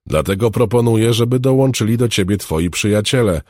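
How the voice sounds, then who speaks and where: A low-voiced man playing an alchemist swordsman who speaks with quiet, deceptively mild menace, a little higher than the reader's own voice. The tone is husky and dry, heard close up. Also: fairly quick, no echo. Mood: calm menace. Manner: calm, deceptively gentle, then commanding. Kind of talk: audiobook character reading.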